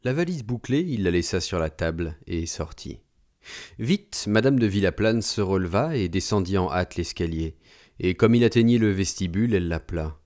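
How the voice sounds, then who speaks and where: A man narrating a literary novel as an audiobook in a measured, expressive way. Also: low voice.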